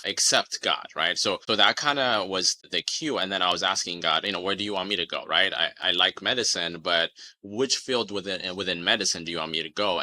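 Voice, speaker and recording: A man's voice: low-pitched, pushed and bright, dry recording. A man from Ethiopia, a psychiatrist guest, speaking thoughtfully and often asking "right?". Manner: thoughtful, frequent "you know" and "right?". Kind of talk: casual interview talk.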